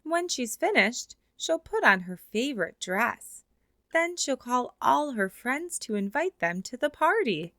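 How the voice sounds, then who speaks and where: This is a children's read-aloud in which a female storybook reader narrates a picture book with expressive delivery in a fairly high, bright voice. She eases her pace for the final lines, and the close, dry recording has no room echo.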